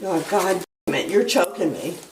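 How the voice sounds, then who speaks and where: A woman's voice: fairly low pitch, takes it slowly, far from the mic. A woman in her sixties, arrested, shrieking, swearing and arguing with officers, recorded on a body camera. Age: 60s. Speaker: arrested driver. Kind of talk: bodycam footage. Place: police station, indoors. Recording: noisy echoey bodycam audio from afar.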